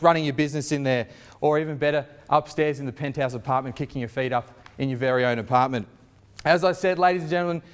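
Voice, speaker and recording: Casting: Australian man, novice auctioneer, declamatory and formal, with a clean, slightly high voice. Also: smooth. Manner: declamatory auctioneer projection to a gathered crowd. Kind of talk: auctioneer address, formal property pitch and bid calling.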